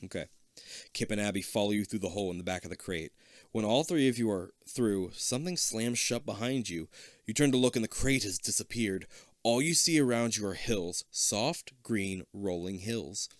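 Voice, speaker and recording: A man's voice: on the low side, animated, moderate pace, dry recording, clean studio sound. A man casually reading an adventure gamebook aloud, with joking asides. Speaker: reader.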